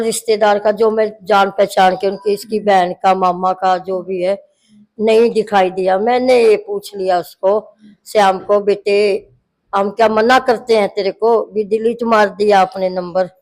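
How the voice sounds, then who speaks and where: A woman's voice: medium pitch, steady tone, unhurried, a little mellow, rough recording. A middle-aged woman with a mid-range voice recounts a family quarrel at length. She keeps quoting the words each person said, in a plain narrating way. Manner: long narration full of quoted dialogue. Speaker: interviewee, mother-in-law.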